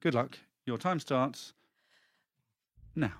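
A man's voice: mid-range voice, takes it slowly, no echo. A man hosting a comedy podcast, running silly games in a dry, bossy way. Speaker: podcast host. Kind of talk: playful comedy chat.

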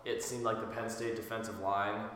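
Low hoarse man in an echoing basement. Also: level tone, normal speed, fairly bright tone. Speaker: podcast panelist. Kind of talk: casual sports chat. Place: in a home basement. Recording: very echoey basement with reverb.

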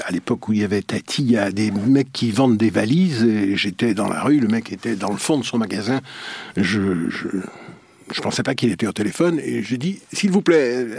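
A man guesting in a casual interview, telling stories with lively energy. He often stalls on repeated words before going on. His voice is slightly husky and the sound is dry. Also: on the low side, dry recording. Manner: hesitant, many repeated starts, animated storytelling. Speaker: guest, dubbing actor.

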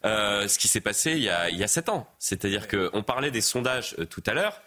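A man commenting on politics in a talk show debate, halting and full of hesitations as he explains at length. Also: lowish voice, sing-song, bright, forceful tone.

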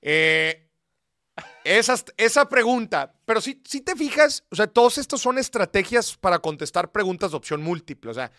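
A man's voice: high-pitched, sing-song, moderate pace, sharp tone, no room sound, studio quality. A man with a Mexican accent hosting a live call-in quiz show, joking with callers and reading out questions. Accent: Mexican Spanish. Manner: playful, joking banter with callers. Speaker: host.

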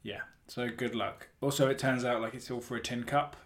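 Man hosting from a flat's hallway. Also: mid-range voice, a little fast. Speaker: podcast host. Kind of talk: casual hobby chat. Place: hallway of a flat.

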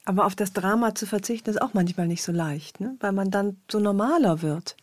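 A woman's voice: mid-range voice, brisk, a little mellow, no echo. Woman host in a dry, close room. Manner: attentive, frequent affirming interjections. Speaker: podcast host. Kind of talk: interview conversation.

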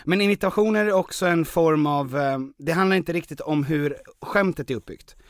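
A man hosting a podcast who walks through categories in an explaining tone, with the odd filler. His voice sits a bit high. The sound is close and dry, with no room echo. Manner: lecturing, lists categories with fillers. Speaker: podcast host. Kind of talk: casual explanatory chat.

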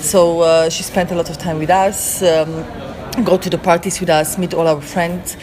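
A woman from Slovenia with a Slovenian accent, answering interview questions haltingly as she searches for her English words. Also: fairly low pitch, flat delivery, over music. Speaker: interview guest, chef. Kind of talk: spoken interview.

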